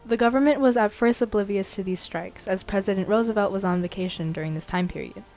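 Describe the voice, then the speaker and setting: A woman's voice: mid-range voice, quick pace, darkish tone, soft background music, poor audio. A woman narrating a student history documentary, reading evenly from a script.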